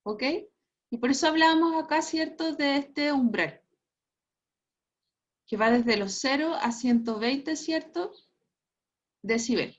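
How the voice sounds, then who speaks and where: A woman's voice: high voice, takes it slowly, pauses often. A woman teaching an online physics lesson, explaining step by step and checking in with her students. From Chile. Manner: explanatory, tags phrases with "¿cierto?" and "¿ya?", laughs at own jokes. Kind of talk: online class lecture. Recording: muffled lo-fi class recording.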